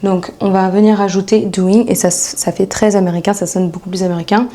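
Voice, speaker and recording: A woman giving a casual video lesson as an English coach, chatting and slowly repeating English phrases for practice. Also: medium pitch, level tone, dark tone.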